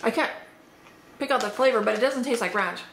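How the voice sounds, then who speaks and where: An upbeat unboxing vlogger, a woman with a higher, slightly hoarse voice, does a chatty, casual snack-tasting review while thinking aloud. She speaks briskly in a somewhat bright tone. The room is echoey, with faint background noise.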